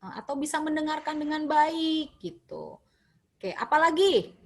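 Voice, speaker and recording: A woman lecturer with a Sundanese accent teaches a class in a lively way. She keeps putting questions to her students and mixes Sundanese and English words into her talk. Her voice sits high. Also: unhurried.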